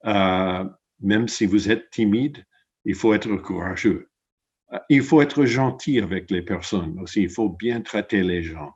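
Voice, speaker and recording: A man on a panel giving advice in halting, simply built phrases. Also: on the low side, darkish tone, slightly rough, lo-fi sound.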